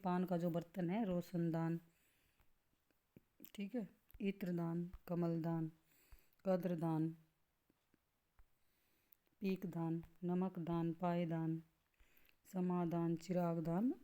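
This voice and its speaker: A woman teaching grammar at a slow classroom pace, reading out word lists one by one and explaining each, with an occasional cough. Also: fairly low pitch, warm tone. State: coughing at times.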